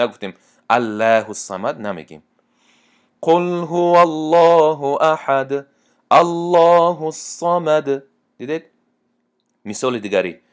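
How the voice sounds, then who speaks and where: A man teaching Quran recitation rules, explaining step by step and reciting verse examples. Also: medium pitch. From Tajikistan. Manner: plain explanatory talk, repeats and restarts, then slow drawn-out chanted recitation.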